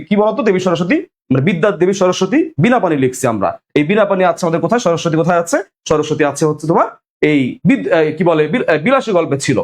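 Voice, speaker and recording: Young male tutor, quick-fire drilling style, high-pitched. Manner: drills students with repeated questions; asks viewers to comment. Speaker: teacher. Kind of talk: online exam-prep lesson.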